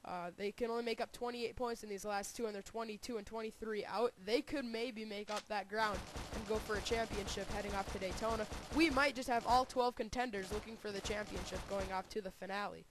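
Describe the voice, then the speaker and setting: A man doing play-by-play race commentary with a voice going hoarse, getting excitable and loud when cars crash. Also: sits high, brisk, hardly any pauses. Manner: excitable, voice rises sharply during wrecks. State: losing his voice. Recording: noisy game sound behind. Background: racing game engine noise.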